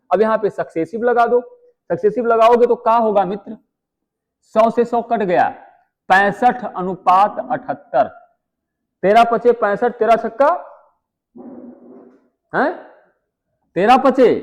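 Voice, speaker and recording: A man teaching maths, chatty and firing quick questions at his students. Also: high-pitched. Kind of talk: live online exam-prep class.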